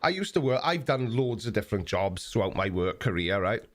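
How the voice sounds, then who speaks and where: An Australian man in his forties chats casually while hosting a live stream and answering viewer comments. He's relaxed and plain-spoken, says um a lot, and talks fairly quickly in a lowish voice.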